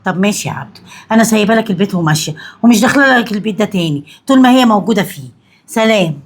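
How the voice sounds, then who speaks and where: A woman's voice: medium pitch, lively intonation, rapid-fire. A woman playing a spiteful Egyptian mother-in-law. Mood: scornful. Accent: Egyptian Arabic. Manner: scornful, cutting, insulting. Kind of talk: short web drama acting.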